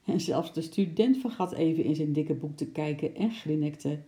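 A woman reading a children's story aloud with calm, expressive narration. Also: low voice, normal speed.

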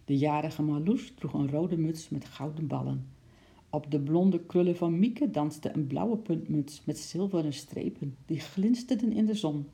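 A narrator reading a children's storybook aloud with lively, expressive storytelling. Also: mid-range voice, a little slow, gravelly. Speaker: audiobook narrator.

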